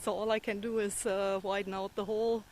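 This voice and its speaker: Australian woman, mid pitch, calm steady explaining, slightly out of breath, faint outdoor ambience. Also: brisk, a little hiss or hum. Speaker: gold prospecting vlogger. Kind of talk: casual outdoor vlog narration. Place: outdoors in the bush.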